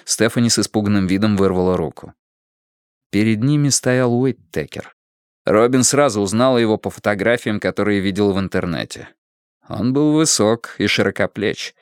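A man narrating an audiobook in an expressive reading voice. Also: on the low side, normal speed, smooth, no echo, clean studio sound.

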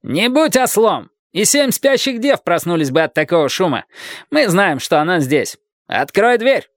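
A man reading an audiobook voices a commanding, angry older knight who barks impatient orders. The delivery is high and sing-song at a moderate pace, pitched above his own voice, in clean studio sound with no room sound.

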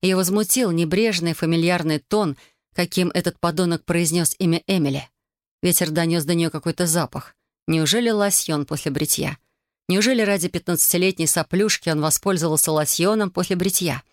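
An audiobook narrator reading a tense scene in measured, even storytelling. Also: mid-range voice, no echo, clean studio sound. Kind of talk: scripted narration.

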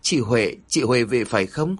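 A man's voice: medium pitch, expressive, moderate pace, breathy edge, no room sound. A man voicing a frightened little boy who speaks in a shaky, pleading voice. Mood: scared pleading.

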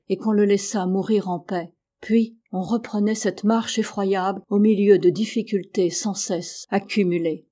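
A woman narrating an audiobook of a classic adventure novel in a measured, even reading. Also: mid-range voice. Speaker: audiobook reader.

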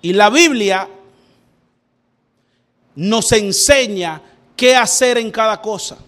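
A man preaching a sermon, asking rhetorical questions and building up to shouted, fervent passages. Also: sits high, takes it slowly.

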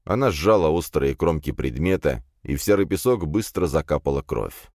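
A man narrating a fantasy audiobook with expressive storytelling. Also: very deep voice, normal speed, no echo, clean studio sound.

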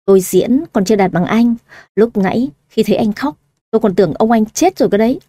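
A blunt young woman with a sharp tongue, as a female storyteller puts her on. The voice sits high with a mellow, dark tone. It is read close and dry, like an audiobook. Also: expressive, fairly quick, no echo. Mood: teasing. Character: bold young woman posing as a lost daughter.

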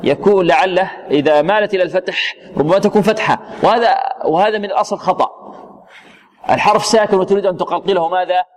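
A man runs a tajweed lesson, firing questions at his students and supplying the answers himself. He talks in stops and restarts. His voice sits a little high and rings out in a hall with long reverb. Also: quick pace. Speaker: Quran recitation teacher.

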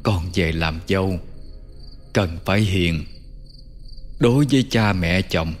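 A man doing a weary old mother, low and quiet. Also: slow, faint music behind. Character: poor old mother in a forest hut, weary.

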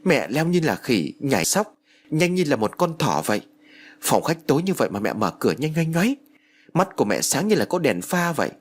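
A man's voice: fairly high pitch, very animated, fairly quick, husky, pitched above the performer's own voice. A man doing Thoan, an urgent, bossy daughter. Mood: indignant. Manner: urgent, commanding.

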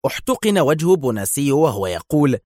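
A man narrating a novel in an expressive, dramatic way. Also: medium pitch, fairly quick, dry recording, clean studio sound. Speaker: reader of a novel. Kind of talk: audiobook narration.

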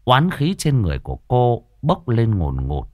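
A man's voice: medium pitch, huge pitch swings, normal speed, no echo, studio quality. A man narrating a village horror story in a dramatic, ominous way.

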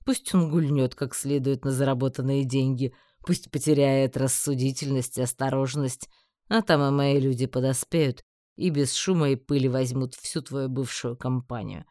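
A man's voice: medium pitch, steady tone, dark tone, dry recording, studio quality, close to an everyday voice. A man playing a cold mocking emperor. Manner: slow, mocking, menacing. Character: cold, scheming male emperor, middle-aged. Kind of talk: audiobook character voice.

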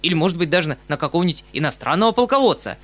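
Пожилой отставной полковник в исполнении чтеца: громкий, высокий, восклицающий, добродушно-суетливый. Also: male voice, fairly high pitch, lively intonation, racing, voice pushed up, natural voice. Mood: excited. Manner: exclaiming, fussy, eager. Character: excitable good-natured retired male colonel, older.

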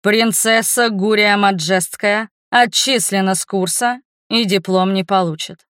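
A woman reading the lines of a formal male academy rector in an audiobook, in a measured, official way. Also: mid-range voice, fairly even intonation, fairly bright tone, no echo, studio quality, natural voice. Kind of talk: audiobook narration.

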